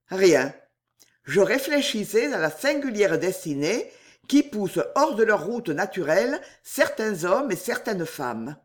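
A woman voicing a calm, cunning middle-aged gentleman in an audiobook, speaking in a measured, unruffled way. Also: mid-range voice. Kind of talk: audiobook character reading.

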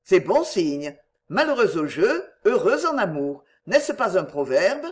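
A woman's voice: mid-range voice, big pitch swings, a little slow, darkish tone. A woman voicing a courteous young nobleman who speaks formally and gallantly. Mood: courtly.

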